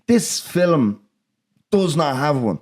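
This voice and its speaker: A man's voice: fairly high pitch, sing-song, slow, darkish tone. A man with a Dublin Irish accent hosting a film podcast in an informal, sweary, chatty way. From Ireland. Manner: informal, sweary, often tagging on "do you know what I mean". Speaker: podcast host. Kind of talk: casual film discussion.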